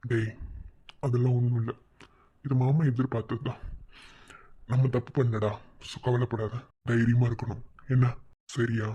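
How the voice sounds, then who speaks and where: A man voicing a steady older-brother figure who gently reassures his family in a Madurai Tamil accent. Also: mid-range voice, normal speed, long pauses, husky, highs cut off, close to an everyday voice. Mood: reassuring.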